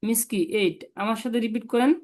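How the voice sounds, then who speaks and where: A woman's voice: fairly high pitch, fairly even intonation, a little mellow. Patient woman tutoring on a video call. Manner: patient, repeats sounds slowly for the student. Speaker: Chinese language tutor. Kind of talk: online one-on-one language lesson.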